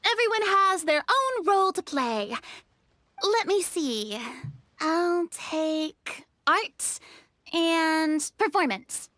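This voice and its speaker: A woman's voice: very high voice, lively intonation, slow pace, pushed and bright, no echo, full character voice. A woman voicing an earnest, curious young newcomer in a video game, polite and thoughtful with a tentative manner. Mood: thoughtful, unsure.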